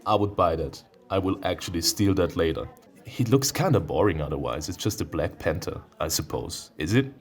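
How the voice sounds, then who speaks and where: Playful and theatrical, with sudden outbursts, this gaming host switches between reading a visual novel's text and commenting on it. He speaks at a moderate pace in a low, expressive voice.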